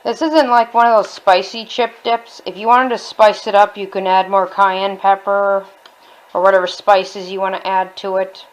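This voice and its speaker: A woman's voice: medium pitch, little pitch movement, moderate pace, rough recording. A woman casually demonstrating a homemade recipe in her kitchen, talking in a chatty, rambling way with restarts. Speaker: home cook vlogger. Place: home kitchen.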